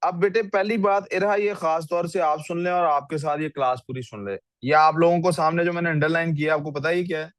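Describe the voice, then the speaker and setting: Class से सवाल पूछता पुरुष teacher. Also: male voice, on the high side, steady tone, fairly quick, few pauses, no echo. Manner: questions the class often, mixes English into Urdu. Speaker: English teacher. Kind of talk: online class, reviewing student writing.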